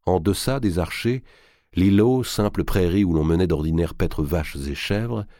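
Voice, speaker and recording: Deep, dark-voiced male narrator. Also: no echo, clean studio sound. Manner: measured literary reading. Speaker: audiobook narrator. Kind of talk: scripted narration.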